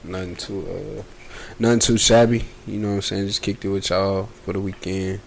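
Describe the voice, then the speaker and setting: A man's voice: low-pitched, fairly even intonation, brisk, slight background noise. A man co-hosting a podcast, chatting casually in laid-back, bro-ish slang. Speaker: podcast co-host. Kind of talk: casual group banter.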